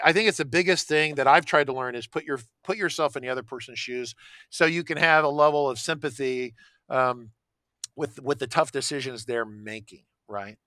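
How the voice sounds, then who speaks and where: A man with a bright, forceful voice talking casually, looping back to restart his sentences and tagging points with "right?". The sound is dry and close. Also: mid-range voice, no echo. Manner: rambling, frequent restarts and "right?" tags. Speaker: podcast guest. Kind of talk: casual conversation.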